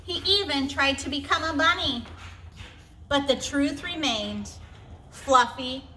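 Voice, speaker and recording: A woman teacher reads picture books and chapter books aloud, with expressive phrasing and chatty asides. Her voice is high and bright and unhurried. The recording has a roomy echo. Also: a little hiss or hum. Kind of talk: storybook read-aloud.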